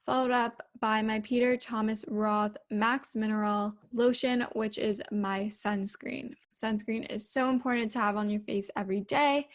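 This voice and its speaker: A woman casually narrating her daily routine like a lifestyle vlogger, chatty and explanatory. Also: medium pitch.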